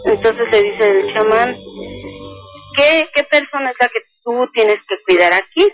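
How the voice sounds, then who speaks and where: An older woman calling a radio show, slowly and earnestly telling a personal story and quoting each speaker. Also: fairly high pitch, no echo, faint music behind, rough recording. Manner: slow, earnest retelling that quotes each speaker. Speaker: caller.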